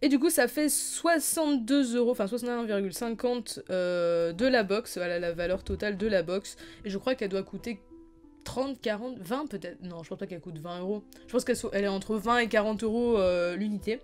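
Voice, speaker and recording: A young woman in her late teens talks through an unboxing vlog in a loose, chatty way. She rambles, restarts her sentences and fills gaps with little hesitations, her voice sitting at a middling pitch. Faint music plays underneath. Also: brisk. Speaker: YouTuber.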